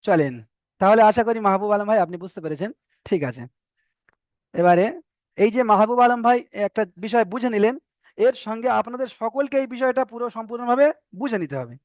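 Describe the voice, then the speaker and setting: A man with a fairly high voice teaches Quran reading online, drilling letters and vowel marks again and again. His delivery is patient and steady. The sound is dry and a little dull, like a lo-fi call recording. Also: fairly quick, no echo. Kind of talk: online Arabic reading lesson.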